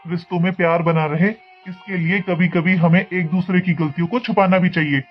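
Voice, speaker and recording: A man playing a calm older father-in-law who reasons gently and lectures his wife. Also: high-pitched, a little fast, muffled recording, soft background music.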